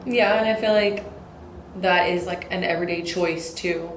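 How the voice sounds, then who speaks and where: A young married woman, a podcast guest talking in a halting, reflective way. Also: on the low side, steady tone, reverberant, a little hiss or hum. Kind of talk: casual chat.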